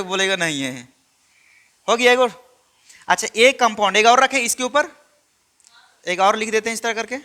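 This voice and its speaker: Male chemistry teacher, high bright voice, classroom quizzing style. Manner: quizzing students with repeated questions. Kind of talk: classroom lecture.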